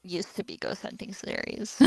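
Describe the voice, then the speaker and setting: A woman's voice: mid-range voice, wildly swooping pitch, slow pace, gravelly, slightly rough, no echo, poor audio. A young woman with a mid-range voice co-hosts a casual podcast while tired after a long day. She giggles and yawns, and her talk stays playful. The recording is dry and close. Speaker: podcast co-host. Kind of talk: casual chat.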